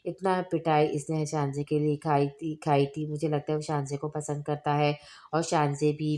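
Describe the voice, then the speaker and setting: A woman's voice: sits low, level tone, normal speed, mellow, natural voice. A woman voicing a shy, kind young wife who speaks hesitantly and politely.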